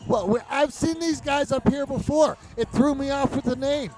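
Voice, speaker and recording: High-pitched male fight commentator. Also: moderate pace, a little mellow, faint music behind, low-quality recording. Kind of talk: live co-commentary, conversational.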